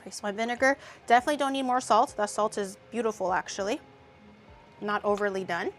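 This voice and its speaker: Speaking at a medium pitch with a steady tone and a fairly quick pace, a woman VTuber and streamer chats loosely while cooking at home on a livestream. She's blunt and profane, murmuring as she samples the food, with faint music in the background.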